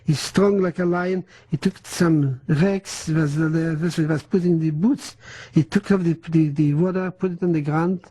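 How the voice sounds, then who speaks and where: Older non-native man, halting testimony. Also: on the high side, fairly even intonation, warm tone, husky, rough recording. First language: not English. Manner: halting, many restarts, mixes in German words. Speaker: interviewee. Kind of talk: oral history testimony.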